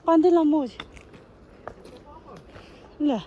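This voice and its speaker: A woman's voice: high voice, slow, warm tone, muffled recording. A young woman vlogger chatting casually on a trip outdoors, exclaiming and laughing often. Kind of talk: casual travel vlog chat.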